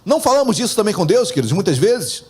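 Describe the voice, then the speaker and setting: A man's voice: high voice, sing-song, fast, a little mellow, breathy edge. A man preaching a sermon as pastor, often turning to the congregation with asides and acting out quoted dialogue by shifting his intonation.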